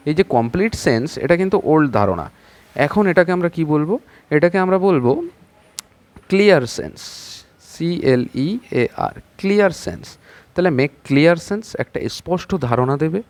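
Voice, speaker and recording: Man teaching English spelling in Bengali. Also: on the high side. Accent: West Bengal Bengali. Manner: explains patiently, spells words letter by letter and asks the class questions. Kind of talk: exam-prep English lesson taught in Bengali.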